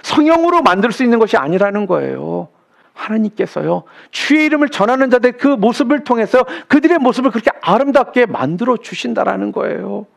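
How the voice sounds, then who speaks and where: High-voiced gravelly preaching pastor. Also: male voice, big pitch swings, a little fast. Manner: preaching with rhetorical questions to the congregation; swings between loud emphatic peaks and quiet low asides. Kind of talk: sermon. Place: church sanctuary.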